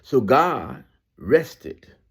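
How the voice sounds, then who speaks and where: A Bible reader giving commentary speaks very slowly in a medium-pitched, gravelly voice with a breathy edge, yet he is highly animated. His informal sermon remarks are emphatic and repetitive, sprinkled with asides that invite agreement.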